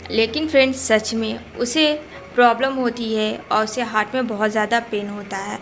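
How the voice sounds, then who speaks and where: A woman's voice: on the high side, a bit bright, a little hiss or hum. A woman casually retelling a drama plot, chatty and talking to her viewers as friends. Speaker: drama recap narrator.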